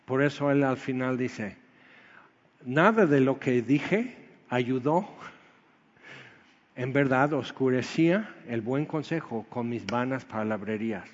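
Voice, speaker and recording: A man preaching a Sunday sermon in an animated way, swinging between loud exclamations and quiet low asides. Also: a little slow. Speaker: pastor. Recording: dull sound with long hall reverb.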